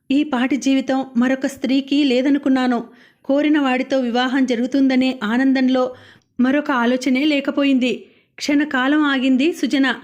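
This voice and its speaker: A woman with a high voice narrates a novel for an audiobook. Her delivery is scripted storytelling, and she carries the characters' dialogue in her own voice with only small shifts. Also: a little mellow. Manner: reads all characters' dialogue herself, only lightly shifting voice.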